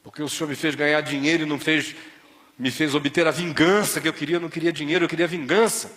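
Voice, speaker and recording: A man's voice: a little high, steady tone, quick pace, a bit bright, pitched above the performer's own voice, natural voice. A man voicing a bitter, vengeful armed man inside a sermon story. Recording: long hall reverb.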